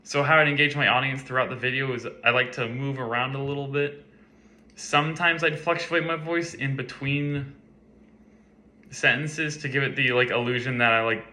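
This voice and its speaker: A man's voice: mid-range voice, bright, forceful tone. A young man and college student giving a casual, conversational class reflection talk, with some filler words.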